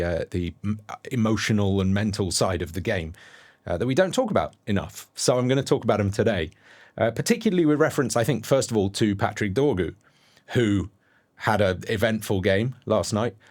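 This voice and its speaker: Rambling low-voiced man. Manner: rambling, thinks aloud with many fillers and restarts. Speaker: football fan podcast host. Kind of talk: casual solo monologue.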